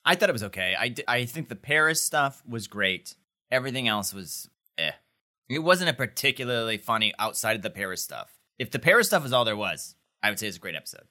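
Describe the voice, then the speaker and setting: A man co-hosting a podcast in casual chat, easygoing and low-key, with the hiccups. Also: sing-song, fairly quick, sharp tone. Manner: easygoing, low-key, reads show plugs. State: has the hiccups. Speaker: podcast co-host.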